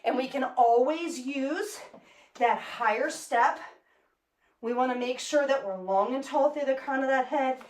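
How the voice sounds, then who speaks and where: A woman's voice: high voice, measured pace, a little mellow. A woman fitness instructor cueing a workout class energetically while exercising, counting out reps. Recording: echoey room, mic at a distance.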